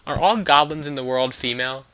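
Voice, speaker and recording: Bright-voiced young man reading a game. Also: medium pitch, brisk, clear, resonant tone, dry recording, rough recording. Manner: sarcastic, deadpan commentary. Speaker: let's play host. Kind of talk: reading game text aloud with joking asides.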